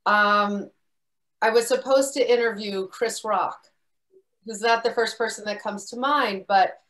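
A woman filmmaker answering audience questions in a relaxed way. She talks haltingly, with many restarts and a lot of "you know.". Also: medium pitch, low-quality recording. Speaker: filmmaker guest speaker. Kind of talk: casual Q&A talk. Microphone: video call.

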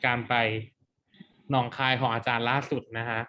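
Male teacher, mid-pitched, playful, runs a lively quiz-style class. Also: normal speed. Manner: playful, quizzing students for answers. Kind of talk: exam-prep classroom lesson.

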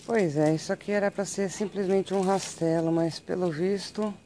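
A woman's voice: fairly low pitch, moderate pace, slight background noise. Doting Brazilian woman cooing at cats. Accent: Brazilian Portuguese. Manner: doting baby talk to cats, excited squeals. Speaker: pet vlogger. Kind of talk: casual chat filming pets. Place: home garden and garage.

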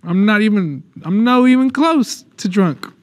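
A man's voice: high voice, animated, unhurried, no echo, clean studio sound. A man on a reality game show, joking and chatting casually with other contestants. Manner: jokey, laughs through his lines.

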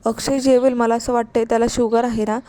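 A woman's voice: fairly high pitch, flat delivery, fairly quick, dark tone, no room sound, close to an everyday voice. A woman reading the lines of a showy young daughter-in-law who speaks eagerly and insistently.

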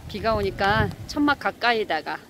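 A woman with a mid-range, animated, fairly bright voice talks at normal speed, narrating an outdoor wedding in Kenya. Her voice-over is informal and chatty, broken by frequent laughter, over background music and a slight hiss or hum.

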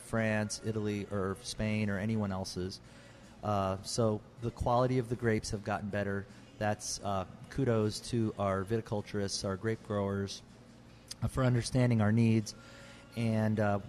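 A man's voice: lowish voice, a little mellow, slight background noise. A middle-aged man, a winemaker explaining his trade in an earnest, casual way with frequent restarts. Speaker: Texas winemaker guest. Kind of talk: casual interview talk.

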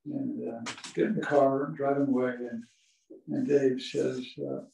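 Gravelly and darkish, this older man's medium-pitched voice stays unhurried and shows little pitch movement. He gives a chatty, anecdote-rich lecture indoors in a small museum meeting room, chuckling now and then. With no visible mic, a far-off camera picks up a distant, echoey sound.

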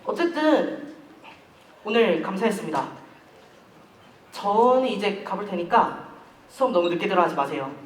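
Teen boy acting as a touchy, talkative schoolboy, very high voice, lively pitch, echoey hall, far from the mic. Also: a little hiss or hum. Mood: awkward. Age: teens. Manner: talkative, quick to take offence, grumbling. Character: chatty, hot-tempered teenage schoolboy. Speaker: student actor in a school play. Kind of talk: amateur stage acting. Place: school stage.

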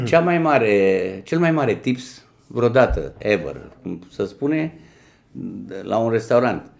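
Gravelly, animated man telling stories. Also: mid-range voice. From Romania. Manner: animated, acts out quoted voices and switches languages. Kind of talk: casual storytelling chat.

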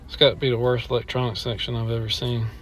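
This mall tour vlog features a middle-aged man who walks an indoor shopping mall with a handheld phone and complains bluntly. He is a fast talker with a mid-range, fairly bright voice and little pitch movement.

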